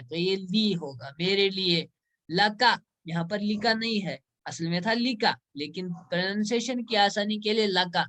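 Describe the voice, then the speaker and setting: A man teaching Arabic grammar in an online class. He explains step by step, says example words slowly, and often checks with "right?". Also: high voice, pushed and bright.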